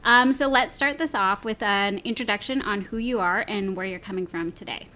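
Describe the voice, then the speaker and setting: A woman's voice: medium pitch, moderate pace, pushed and bright. A woman hosting a podcast, eager and gushing, asking curious questions. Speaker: podcast host. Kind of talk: casual interview chat.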